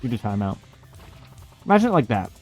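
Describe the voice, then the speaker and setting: Male gaming commentator, mid-pitched, casual, sardonic and foul-mouthed, music behind him. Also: very animated, fairly quick, no room sound. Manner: sarcastic, sweary, complaining. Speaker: let's play host. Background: video game music.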